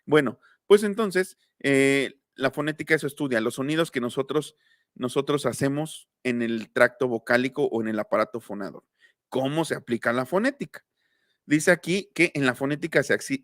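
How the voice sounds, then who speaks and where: A man's voice: medium pitch, fairly bright tone, no echo, studio quality. A man giving a casual live-streamed phonetics lesson, chatting and greeting viewers as he explains. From Mexico. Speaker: linguistics teacher.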